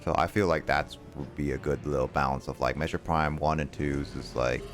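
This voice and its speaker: Low-voiced young man streaming over game music. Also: fairly even intonation, a little fast. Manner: rambling, hesitant, thinking aloud. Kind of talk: casual live gameplay commentary.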